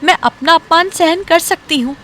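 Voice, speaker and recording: A young cartoon daughter-in-law, earnest and firm, who will not let her family be insulted. Her voice sits high and bright. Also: normal speed, a little hiss or hum. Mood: upset. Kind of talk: cartoon voice acting.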